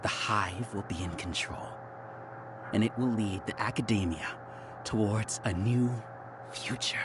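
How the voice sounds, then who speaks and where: An actor playing an arrogant villain researcher who leads a hive mind, giving grandiose, condescending monologues in a video game. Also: male voice, on the low side, a little slow, very noisy, natural voice.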